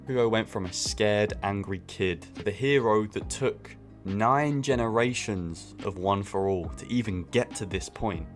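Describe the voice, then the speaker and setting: A man in his twenties narrating a scripted video essay, impassioned and emphatic, swearing for emphasis. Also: low voice. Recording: faint music bed under voice.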